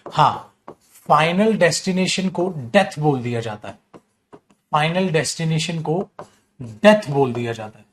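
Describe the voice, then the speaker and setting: A man's voice: on the high side, expressive, a little slow, long pauses, slight background noise. A man teaching an online class on English usage in Hindi. He explains patiently, addresses the students fondly, and repeats wrong phrases with mock emphasis to correct them.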